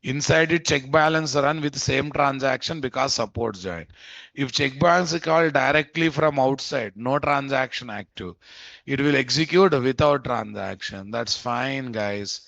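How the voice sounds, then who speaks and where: Giving a casual live programming class, an instructor with an Indian Telugu accent repeats phrases for emphasis and answers his own questions. His mid-range voice is creaky, a bit bright, and unhurried. The close, lo-fi recording is echo-free but dull and muffled.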